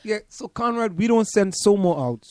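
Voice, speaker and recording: A man's voice: high voice, lively intonation, moderate pace, a little mellow, no room sound. A man, a professor co-hosting an online radio show, talking emphatically and repeating words as he thinks aloud. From Trinidad and Tobago. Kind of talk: casual radio chat.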